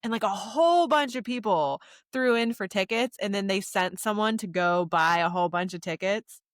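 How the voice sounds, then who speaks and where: A woman's voice: medium pitch, moderate pace, clean tone, dry recording, clean studio sound. A woman co-hosting a podcast, telling chatty, rambling anecdotes full of fillers in casual conversation. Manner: chatty storyteller, lots of "like". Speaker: podcast co-host. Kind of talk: casual chat.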